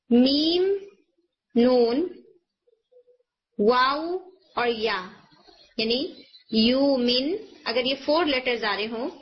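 A woman teacher giving a recorded lesson on recitation rules, explaining patiently step by step and slowing down to demonstrate each sound. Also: sits high. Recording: muffled lo-fi recording.

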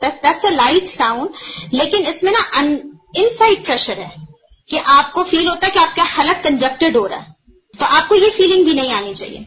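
Bright high-voiced woman teaching Quran recitation. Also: muffled recording. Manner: explains in Urdu mixed with English, chants Arabic examples slowly. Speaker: tajweed teacher. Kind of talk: online Quran recitation lesson.

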